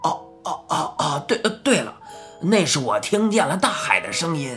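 A woman voicing a sly, evasive strange old man in a children's audiobook, dodging questions with a playful, drawn-out chuckle. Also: low voice, very animated, faint music behind, pitched below the performer's own voice. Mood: evasive, teasing.

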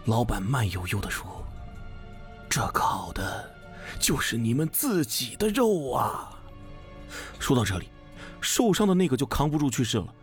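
A smug young man relishes a creepy tale, teasing and conspiratorial, as a male storyteller puts him on. His pitch swings widely and sometimes sinks to a hush. Faint music hums behind the audio story. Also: very animated, fairly quick, close to an everyday voice. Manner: teasing, conspiratorial, drops to a hushed whisper.

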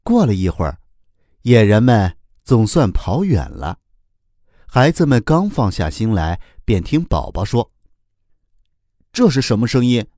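Man reading a kids' story, slow pace, voice swoops all over, dry close sound. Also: on the low side, dry recording. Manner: very animated, slow and deliberate. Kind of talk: children's radio story narration.

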